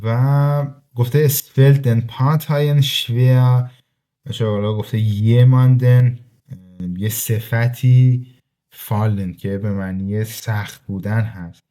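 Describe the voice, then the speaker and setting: A man teaching a language grammar lesson, reading example sentences slowly and then explaining them quickly to his students in a casual way. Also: lowish voice, warm tone. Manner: addresses listeners informally as "kids". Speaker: German teacher.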